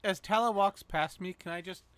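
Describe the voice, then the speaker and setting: A man's voice: high voice, normal speed, noisy background. A man chatting casually as a player in a tabletop game. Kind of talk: casual chat.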